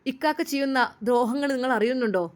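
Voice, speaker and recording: A woman's voice: high voice, fast talker, a little mellow, natural voice. A woman voicing an earnest young man who protests to his mother about a wrong done. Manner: earnest, pleading.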